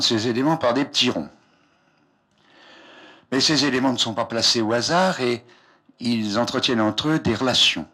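A man's voice: mid-range voice, bright, forceful tone, slightly rough. An older man giving an informal, discursive lecture, often breaking off mid-phrase, on an old archive tape. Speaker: scientist giving a public lecture. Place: lecture hall, speaking from a raised platform.

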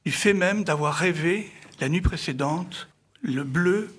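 A middle-aged man presenting an author's book to an audience in formal, literary phrasing, with halting, hesitant delivery and a husky voice. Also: a little high, fairly bright tone. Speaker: speaker introducing an author's book. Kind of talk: semi-prepared public book presentation.

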